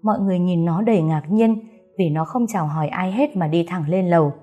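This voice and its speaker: A woman narrating an audiobook story in a steady, even manner. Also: on the low side, fairly quick, soft background music.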